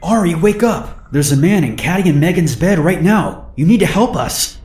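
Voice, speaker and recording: A man's voice: fairly high pitch, expressive, moderate pace, darkish tone, reverberant, voice pushed up, lightly acted. A man voicing a frightened young woman, a grad student, urgently pleading for help.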